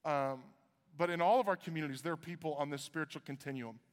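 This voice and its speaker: A man from Iowa preaching a sermon as pastor, conversational with joking asides. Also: fast. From Iowa, USA. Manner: conversational, joking asides, lively swings in pitch. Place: church auditorium. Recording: reverberant church hall.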